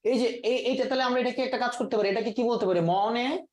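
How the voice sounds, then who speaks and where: A man's voice: very high voice, quick pace. A man teaching English vocabulary in a classroom, quizzing his students and mixing in English words. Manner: asks the class quiz questions, mixes in English words. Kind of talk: live classroom lesson.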